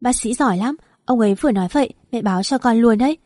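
A woman's voice: a little high, fast talker, dark tone, no room sound, clean studio sound, lightly acted. A woman reading the part of an indignant, nagging mother-in-law in an audio story. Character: scolding older mother-in-law.

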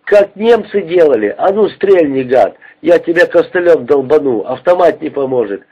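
A man reading aloud as a one-legged soldier on crutches, cursing and threatening in a husky, higher voice. The sound is dull and lo-fi, like an old audiobook. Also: lively intonation, normal speed, darkish tone. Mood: furious. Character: angry one-legged male war veteran on crutches. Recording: dull lo-fi recording.

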